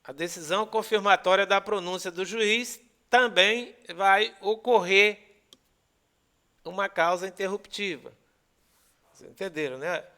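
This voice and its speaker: High, bright-voiced Brazilian law teacher. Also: male voice, a little slow, long pauses, clear, resonant tone. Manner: explanatory, frequent "né?" and "tá?" checks. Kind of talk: recorded lecture.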